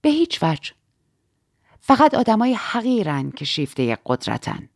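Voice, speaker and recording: A woman voicing a proud, sharp-tongued noble lady who answers curtly. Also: mid-range voice, very animated, dry recording, clean studio sound. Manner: curt, irritated.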